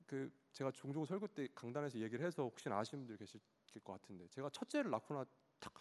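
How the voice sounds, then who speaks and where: A man in his thirties preaching a sermon, telling a personal story about his child in an animated way and acting out the child's cries. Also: fairly high pitch. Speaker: pastor. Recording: long hall reverb.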